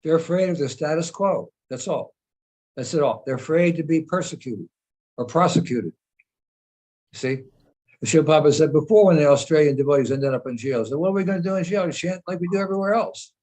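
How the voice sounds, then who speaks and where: A man's voice: fairly high pitch, brisk, a little mellow. A man speaking firmly and emphatically on a video call, correcting others and laying down religious doctrine. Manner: firm, emphatic, lecturing.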